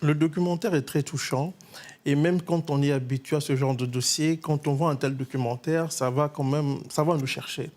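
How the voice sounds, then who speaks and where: Man from Congo, journalist guest, earnest, slightly high-pitched, repeats words. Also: steady tone, normal speed, a little mellow. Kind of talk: studio interview.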